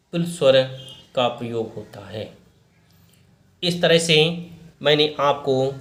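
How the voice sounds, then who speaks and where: A man teaching a grammar lesson, explaining slowly and deliberately as he points out examples on a board. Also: on the high side, fairly bright tone. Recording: echoey room.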